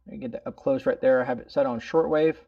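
Speaking fast with vocal fry at medium pitch, a middle-aged man shows off a product from a room in his home for his prepping review channel. His explanation is casual and rambling, packed with verbal tags, and the recording is muffled.

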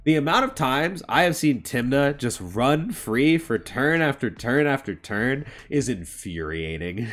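Animated, blunt man arguing game strategy. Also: medium pitch, measured pace. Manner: emphatic, blunt, swears freely. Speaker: podcast co-host. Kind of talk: casual strategy discussion. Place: home room. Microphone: video call.

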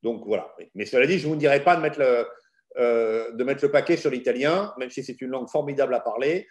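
A middle-aged man answers student questions as a law professor, frank and opinionated. He explains in a lively, direct way, with plenty of emphasis. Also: mid-range voice, a little fast.

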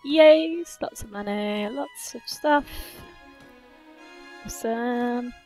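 A woman's voice: fairly high pitch, takes it slowly, a little mellow, soft background music. A woman giving casual gameplay commentary, playful, cheerfully swearing and humming to herself. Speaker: gaming channel host.

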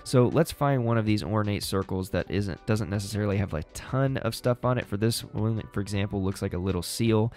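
A young man hosting a design tutorial, relaxed and upbeat, explaining each step casually into a studio mic. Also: lowish voice, fairly quick, few pauses, soft background music. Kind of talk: casual screen-recorded tutorial. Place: small home studio indoors. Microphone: studio mic on boom arm.

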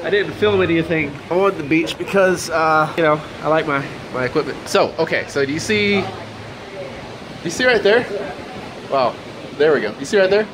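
With a crowd audible behind him, a young Southern man who vlogs about fishing chats to his arm's-length handheld camera on vacation, sounding amazed as he goes from condo balcony to beach to a big store. His pitch is fairly high and his pace moderate.

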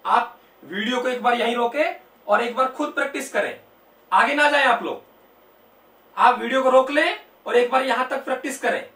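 A man teaching an exam-prep lesson through a memory story, reciting slowly and asking questions that he answers himself. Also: very high-pitched, bright, forceful tone. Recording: echoey room, mic at a distance.

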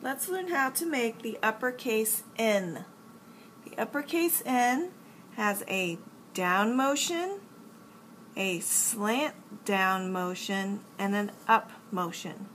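A woman in her forties giving young children simple, deliberate step-by-step instruction. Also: on the high side, animated, a bit bright, slight background noise. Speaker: teacher.

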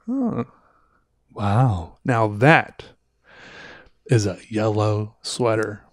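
A man in his thirties with a slightly sore throat speaks very slowly but animatedly in a lowish voice. He's casually reviewing viewer art on a livestream, chatty and rambling, often breaking off mid-thought. His headset boom mic in a small room yields studio-quality sound with no echo.

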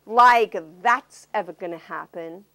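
A woman's voice: mid-range voice, a little slow, sharp tone, slight background noise. A woman voicing a spoiled young princess who talks in a whiny, impatient, snippy way. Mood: complaining.

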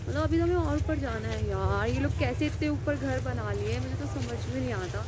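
A woman's voice: high-pitched, brisk, heavy background noise. A young woman casually narrating a travel vlog to her phone camera as she walks through a hotel and night streets. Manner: chatty, narrating to camera while walking. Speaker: vlogger. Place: hotel room and night streets of a hill town. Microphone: phone held at arm's length. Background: background music.

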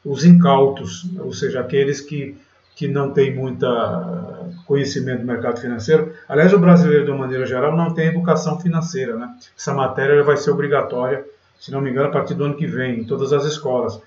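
A man's voice: medium pitch, steady tone, fast, darkish tone. A man from Brazil hosting a day trading channel, talking over a screen recording of market charts in a chatty, filler-heavy way. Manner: chatty, filler-heavy, keeps saying "galera" and "né". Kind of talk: screen-share market commentary. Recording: roomy, distant, dull lo-fi mic.

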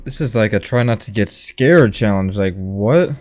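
A man's voice: fairly low pitch, expressive, moderate pace, darkish tone. A young man giving casual, incredulous reaction commentary in short exclamations, close-miked in a small padded room. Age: young adult. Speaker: host of a reaction show. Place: small foam-padded home studio.

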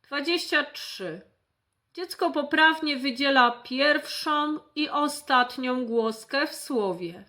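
A woman's voice: sits high, slow, pushed and bright. A woman speech therapist reading a checklist aloud, carefully articulating each example word. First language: Polish.

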